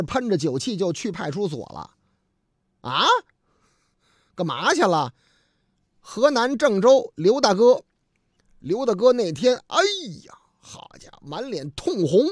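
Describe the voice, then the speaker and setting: Guy on the radio, high animated voice, chatty and colloquial, dry studio sound. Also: no echo. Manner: colloquial, lots of fillers and asides. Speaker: radio host.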